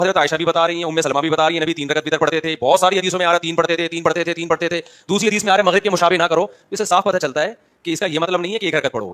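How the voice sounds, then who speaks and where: A man's voice: sits high, a bit bright. A man, an Islamic scholar answering audience questions, explaining patiently and checking whether listeners follow. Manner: explanatory, addresses listeners directly with rhetorical questions; brief acknowledgements between questions.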